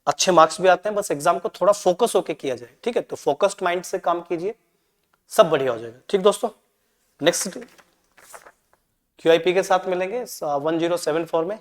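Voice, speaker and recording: High-voiced man teaching exam English. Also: fairly quick, in a large hall. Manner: mixes Hindi with read-out English, often checks in with "ठीक है?". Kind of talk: explaining exam answers to students.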